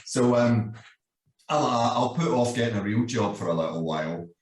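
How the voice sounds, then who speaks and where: A man's voice: mid-range voice, expressive, normal speed, darkish tone, distant mic. A Scottish man in his fifties with a Glasgow accent, telling a story as a guest in a casual, sweary chat and laughing often. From Scotland. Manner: sweary, laughs often, keeps saying "you know what I mean". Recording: roomy sound from away from the mic.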